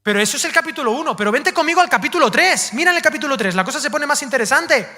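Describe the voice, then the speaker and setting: A male pastor with a Spain Spanish accent delivers a sermon in a very high voice. He speaks playfully and directly to his congregation, swinging between loud emphasis and hushed asides. His tone is strikingly bright and sharp. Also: animated, racing.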